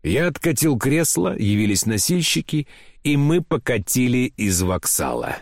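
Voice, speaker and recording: A man's voice: medium pitch, sing-song, unhurried, creaky, dry recording, studio quality. A man narrating a classic novel as an audiobook, telling the story with dramatic expression.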